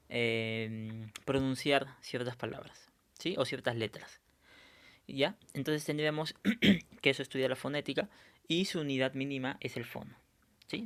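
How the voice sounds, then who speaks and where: A male teacher going over a review lesson, explaining step by step and often checking in with his students. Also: mid-range voice.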